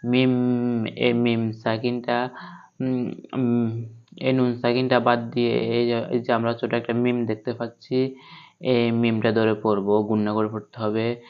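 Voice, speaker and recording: A man teaching recitation, spelling each letter and vowel mark step by step, then reading the word slowly. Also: mid-range voice, completely flat delivery, smooth, dull audio. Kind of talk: online spelling-based recitation lesson.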